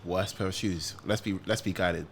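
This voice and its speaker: A man's voice: low-pitched, fairly even intonation, moderate pace, a bit bright, husky. A young man, co-hosting a casual podcast and defending his own choices in a laid-back way. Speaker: podcast co-host. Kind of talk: casual chat.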